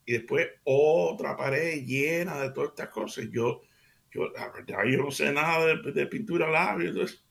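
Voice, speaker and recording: Gravelly man telling a radio anecdote. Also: on the high side, moderate pace. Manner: chatty anecdotal, addresses listeners warmly as family. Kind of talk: casual radio storytelling.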